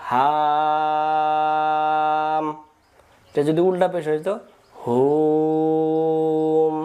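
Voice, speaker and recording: A man's voice: on the high side, warm tone. A man teaching Quran reading, patiently spelling out letters and drawing out long vowels, repeating each step. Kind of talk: slow step-by-step recitation lesson.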